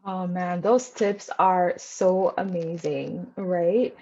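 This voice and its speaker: Woman host from Canada, low gravelly voice, affirming, dull lo-fi audio. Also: takes it slowly, warm tone. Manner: affirming, many filler words. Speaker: podcast host. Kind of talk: interview host recap.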